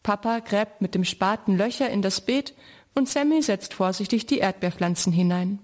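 A woman narrating a children's storybook in clear, even storytelling. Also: mid-range voice, normal speed.

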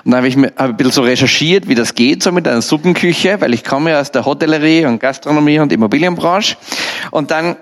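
A man's voice: fairly high pitch, quick pace. A man preaching through a personal story, talking to the listener directly and repeating himself for emphasis. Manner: animated, repetitive, addresses the listener directly. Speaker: lay preacher. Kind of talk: storytelling sermon.

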